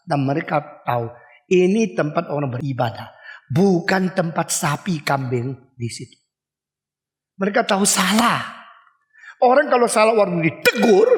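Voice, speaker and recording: An older man preaching a lively sermon, asking his listeners questions and acting out the people and animals in his story. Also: a little high. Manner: animated, acts out voices and dog barks, asks the audience questions. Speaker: pastor. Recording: long hall reverb.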